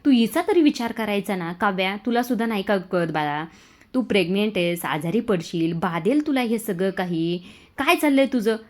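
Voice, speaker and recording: A woman voicing a fussy, protective middle-aged mother-in-law who scolds with rapid questions. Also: mid-range voice, lively intonation, a little mellow, close to an everyday voice. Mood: scolding.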